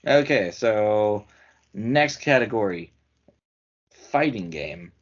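A man's voice: on the low side, animated, slow pace, highs cut off. A man hosting a casual chat, leading his friends through a list of categories, his voice getting worn. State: losing his voice. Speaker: podcast host.

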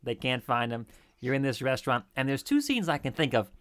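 Male podcast co-host, bright forceful tone, easygoing chat with bursts of animation. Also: mid-range voice, fairly quick. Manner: animated, laughing, acts out quoted lines. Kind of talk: casual chat.

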